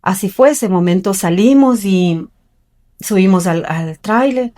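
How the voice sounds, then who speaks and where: A woman's voice: mid-range voice, a little slow, warm tone. A middle-aged woman from Ecuador, telling her own life story in an interview in an earnest way and acting out the voices of the people in it. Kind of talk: personal storytelling.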